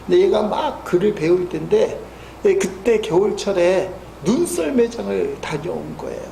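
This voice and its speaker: A man in his fifties preaching a sermon as a pastor, telling stories and swinging from soft asides to loud emphatic peaks. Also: high voice, big pitch swings, moderate pace, creaky, slight background noise. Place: church sanctuary. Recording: echoey church hall.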